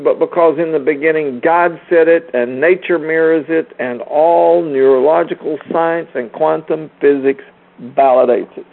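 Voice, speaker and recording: A man's voice: fairly high pitch, vocal fry, phone-quality sound. A man giving a sermon-like spiritual lecture, emphatic and rhetorical, repeating phrases and addressing his listeners directly. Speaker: speaker teaching a group.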